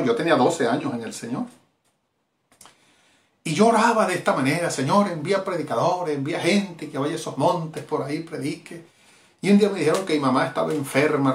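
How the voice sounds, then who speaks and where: An echoey room carries the rather high voice of a middle-aged man preaching with fervor in Venezuelan Spanish. The live-streamed evangelistic sermon leans on emphatic repetition.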